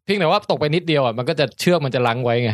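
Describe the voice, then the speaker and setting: An animated man co-hosts a casual podcast chat and tells a story at a fast clip. His voice sits a bit high for a man. The recording is dry and close. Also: no room sound. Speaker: podcast co-host.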